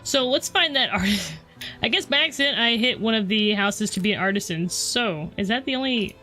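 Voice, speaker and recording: A woman talks through her game in a loose, chatty way, often turning to her viewers and poking fun at her own mistakes. Her voice sits at a middling pitch. Soft game music plays faintly underneath. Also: lively intonation, fairly quick. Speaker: let's play host. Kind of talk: casual gameplay commentary.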